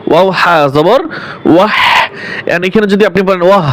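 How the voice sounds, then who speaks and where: A man whose first language is Bengali teaches recitation, slowly chanting and drawing out phrases between explanations. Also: high voice. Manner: slow, drawn-out chanting of Arabic phrases between quick explanations. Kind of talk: religious pronunciation lesson.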